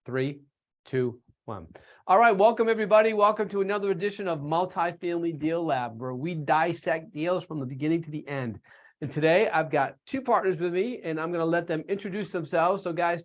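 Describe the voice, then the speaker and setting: A man's voice: fairly high pitch, brisk, dull audio. A man hosting a podcast interview, loose and chatty with plenty of fillers. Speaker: podcast host.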